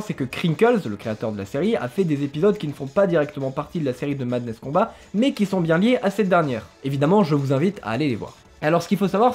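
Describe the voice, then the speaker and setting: A man's voice: fairly high pitch, a little mellow. A man hosting a video, telling a story in a casual, jokey commentary style with offhand swearing. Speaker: YouTube host.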